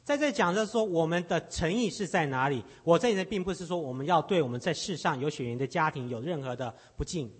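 A husky, fairly high-voiced man interprets a sermon phrase by phrase. He halts and repeats words as he works out each line, keeping pace with the preacher. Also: expressive, quick pace, hardly any pauses. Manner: hesitant, repeats words while searching for phrasing.

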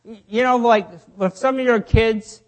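A high-pitched man gives a sermon in short bursts, then pauses while an interpreter translates. His delivery is measured and plain, and each phrase is kept brief so it can be handed on. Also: steady tone. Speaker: preacher.

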